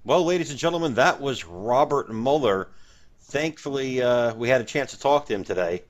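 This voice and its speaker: A man's voice: mid-range voice, expressive, normal speed, highs cut off, background noise. A man hosting a comedy sketch, talking in an emphatic, mock-indignant way. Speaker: comedy show host.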